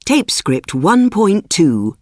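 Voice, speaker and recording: Brief: low, husky woman teacher, very slow and lively-pitched, dry close sound. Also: no room sound. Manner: very slow, deliberate reading of letters and numbers. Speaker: English teacher. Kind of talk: reading textbook audio scripts.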